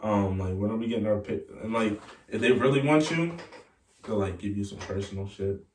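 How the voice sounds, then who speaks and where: This young college football player speaks briskly in a lowish voice while guesting on a podcast, spinning casual stories. He stays animated, doing the voices of the characters he describes. There's slight background noise, a roomy echo, and a distant mic.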